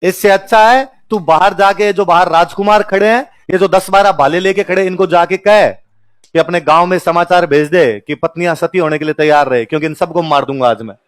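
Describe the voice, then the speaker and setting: A man voicing a proud, defiant wild boar in a folk tale, chanting slow verse in a low voice. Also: clear, resonant tone, no room sound, clean studio sound, lightly acted. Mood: boastful.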